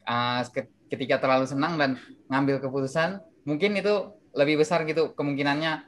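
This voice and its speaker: A man's voice: fairly high pitch, steady tone, a little fast. A young man in his twenties asks a long question, hesitant and full of fillers. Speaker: audience member asking.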